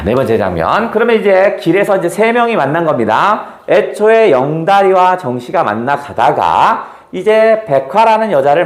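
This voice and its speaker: A man's voice: a little high, reverberant. A man teaching a literature lesson and acting out the scenes as he goes. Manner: animated, acts out scenes. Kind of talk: literature lecture.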